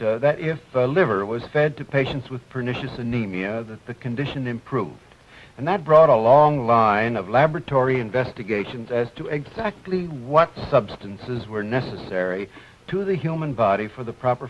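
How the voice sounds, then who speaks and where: A physician presenting medical research on a 1950s TV broadcast, explaining step by step with many hesitant "uh" fillers. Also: male voice, medium pitch. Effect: 1950s TV broadcast sound. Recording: dull lo-fi old TV audio, faint hiss.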